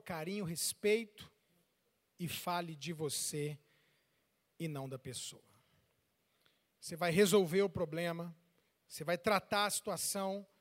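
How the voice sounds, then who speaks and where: Male pastor, very high voice, preaching, long church reverb, storytelling with call and response. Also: a bit bright. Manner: acts out church members' voices while telling stories. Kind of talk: sermon. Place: large church. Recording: long reverb of a large hall.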